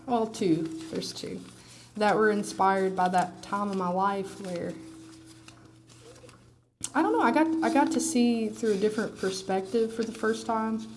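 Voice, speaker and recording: A woman's voice: mid-range voice, unhurried, noisy background. A woman singer-songwriter with a groggy voice from allergies, chatting candidly and rambling between songs at an intimate live session. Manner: rambling and candid, full of "you know" and "like". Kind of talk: casual chat between songs.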